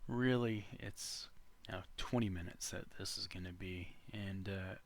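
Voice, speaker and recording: Slow, low-voiced man. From Canada. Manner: halting, rambling, searches for words. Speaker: vlogger. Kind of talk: casual talk to camera.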